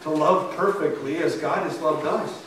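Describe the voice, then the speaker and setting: A pastor preaching a sermon in a church sanctuary, earnest and emphatic, often asking the congregation rhetorical questions. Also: male voice, on the high side, moderate pace, a bit bright, a little hiss or hum. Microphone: far camera. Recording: echoey church from far off.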